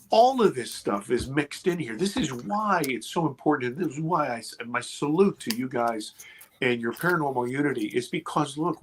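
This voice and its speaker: A man in his fifties, mid-range in pitch, appears as a podcast guest, talking casually and energetically. He swears freely and keeps checking in with "right?" and "okay." Background noise is audible.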